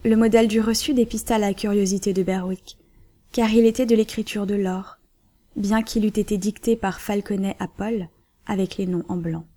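A woman reading a classic novel aloud as scripted narration, in a measured, even way. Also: mid-range voice. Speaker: audiobook reader.

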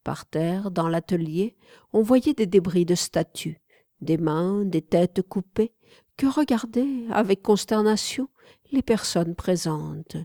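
Slow, mellow woman narrator. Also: lowish voice, dry recording, clean studio sound. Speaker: audiobook reader. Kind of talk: scripted narration.

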